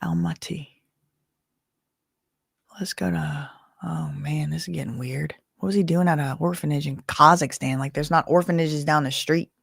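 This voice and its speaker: Her voice is low and slightly rough with vocal fry, and her intonation stays fairly even at a moderate pace. The recording is dry and studio-clean. She's on a casual livestream, going over court testimony, reading the chat and reacting with gasps and exclamations.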